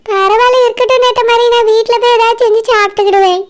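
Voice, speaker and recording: Cartoon pregnant village woman, humble, soft-spoken, Kanyakumari accent, very high voice, woman voicing. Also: steady tone, quick pace. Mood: modest. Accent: Kanyakumari Tamil. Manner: soft, modest.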